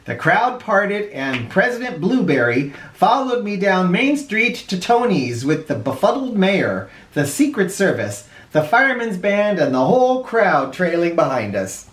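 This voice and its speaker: A male host gives a very animated, playful reading of a children's storybook, with asides mixed into the narration. His high, slightly bright voice keeps a measured pace with hardly any pauses, and the room sounds echoey.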